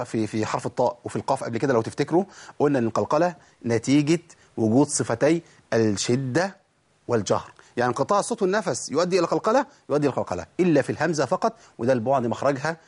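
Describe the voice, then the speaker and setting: A man's voice: mid-range voice, lively intonation, very fast, a little mellow, slightly rough. A man with an Egyptian accent teaching Quran recitation rules, asking questions and answering them himself. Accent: Egyptian Arabic. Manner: explains rules, asks and answers his own questions. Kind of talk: tajweed lesson.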